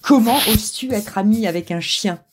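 A woman's voice: medium pitch, moderate pace, husky, lightly acted. A woman doing a stern, loving mother cat. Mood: reproachful. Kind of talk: storybook reading.

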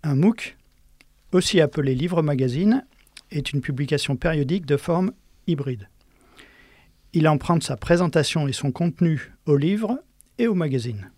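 A man presents a type of periodical in a measured, explanatory scripted delivery. His voice sits fairly high for a man. The sound is dry and close. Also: lively intonation, a little mellow, dry recording.

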